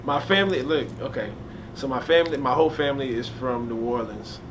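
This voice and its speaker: A man's voice: medium pitch, fairly quick. Laid-back young man telling stories. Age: young adult. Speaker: hip hop artist, interview guest. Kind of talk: casual storytelling. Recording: noisy ambience.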